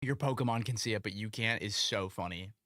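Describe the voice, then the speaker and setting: A streamer chatting casually and reacting in an expressive, slangy, exclamatory way. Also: mid-range voice, brisk, no room sound, clean studio sound.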